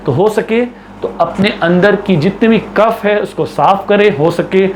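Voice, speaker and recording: A man's voice: high-pitched, unhurried, a little hiss or hum. A man with an Indian accent teaching English pronunciation, drilling words with heavy stress and repetition. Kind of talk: bilingual pronunciation lesson.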